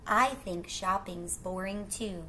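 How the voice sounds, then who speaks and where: A middle-aged woman reads a picture book aloud to young children in a small room at home, lively and expressive, drawing out rhyming lines, asking them questions and making casual asides. Her voice is mid-range, and a little hiss or hum runs through the audio.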